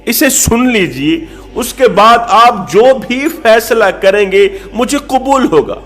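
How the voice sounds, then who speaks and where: A man's voice: sits high, animated, a bit bright, faint music behind. A preacher voicing a blunt young man who argues his case in a matter-of-fact way. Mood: defensive.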